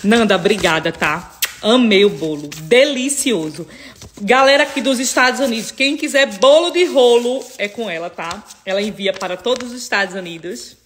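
A woman's voice: mid-range voice, expressive, normal speed, a little hiss or hum. A woman from Northeast Brazil with a Northeastern Brazilian accent, chatting emotionally with her followers in a home vlog recorded on a phone. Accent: Northeastern Brazilian Portuguese. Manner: emotional and chatty, keeps addressing viewers. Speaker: vlogger. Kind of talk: casual chat to followers.

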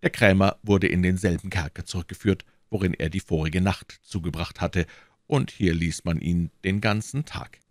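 A man reading a classic novel aloud as an audiobook, with expressive narration. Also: deep voice, normal speed, no room sound, studio quality. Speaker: audiobook reader.

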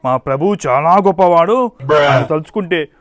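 A man playing a meek male scribe of the god of death who makes soft, sheepish excuses. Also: fairly high pitch, animated, moderate pace, no room sound, lightly acted.

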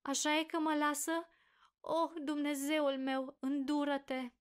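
A woman voicing a heartbroken, desperate young woman who pleads slowly and dramatically, as if through sobs. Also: fairly high pitch, steady tone, natural voice. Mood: frantic. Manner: sobbing, pleading, slow dramatic delivery. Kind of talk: audiobook character reading.

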